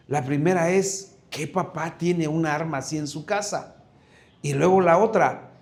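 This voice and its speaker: A pastor, his voice sitting a little high for a man. He preaches in an earnest, searching way, often breaking off and restarting. He leans on rhetorical questions to press his point. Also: a little mellow. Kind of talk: sermon.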